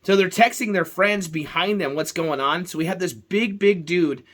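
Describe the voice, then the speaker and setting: A man's voice: high-pitched, normal speed, a bit bright. A man hosting a horror podcast, telling stories in loose, swearing casual chat. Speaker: podcast host.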